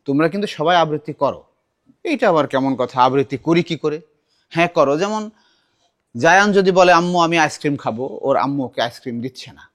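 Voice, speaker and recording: A middle-aged man teaching a children's recitation class, animated and asking the class many questions. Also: a little high, brisk.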